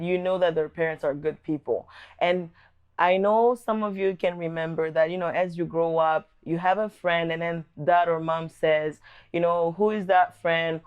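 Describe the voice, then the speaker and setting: A woman's voice: lowish voice, clean tone, lo-fi sound. A young adult woman from the Democratic Republic of Congo, speaking earnestly and thoughtfully about her upbringing as a vlog host. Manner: earnest and measured, with occasional restarts. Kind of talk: reflective personal talk to camera.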